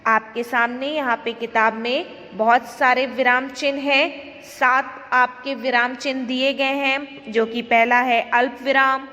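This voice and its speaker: A woman teacher talks slowly through a grammar lesson, pausing to quiz the class as she goes. Her voice sits high. The recording rings with a long reverb. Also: fairly even intonation, bright, forceful tone. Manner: slow, explanatory, asks the class questions.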